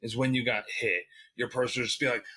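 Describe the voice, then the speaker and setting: A man's voice: medium pitch, fairly even intonation, fast talker, sharp tone, poor audio. A man co-hosting a gaming podcast, complaining in casual chat, swearing and acting out his reactions. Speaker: podcast co-host.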